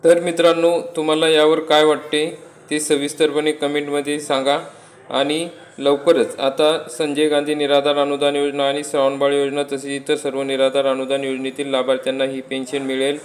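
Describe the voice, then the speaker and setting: A man's voice: a little high, completely flat delivery, moderate pace. A man narrating a scripted message to viewers as a channel presenter.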